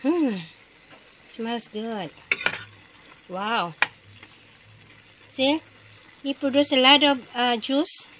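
Speaking very slowly and pausing often, a woman with a Filipino accent and a voice on the high side talks viewers through cooking at home. She's chatty, says "guys," "wow," and "yummy" a lot, and her handheld phone picks up dull audio and background noise.

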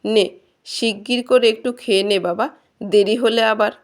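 Woman reader doing a poor, gentle old village farmer, soft and pleading, storybook reading. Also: mid-range voice, fairly even intonation, a little slow, lightly acted. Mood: tender.

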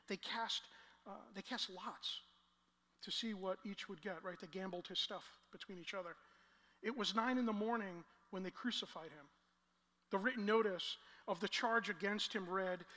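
A man's voice: sits high, a bit bright. A man preaching a sermon as pastor, reading scripture aloud and then building to a passionate appeal. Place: church sanctuary. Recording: church hall reverb.

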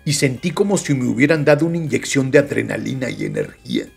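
A man's voice: mid-range voice, huge pitch swings, fast, creaky, slightly rough, faint music behind. A man with a Mexican Spanish accent, hosting a podcast, reading listener stories aloud with chatty joking asides. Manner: chatty, joking asides between read passages. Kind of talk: casual storytelling reading.

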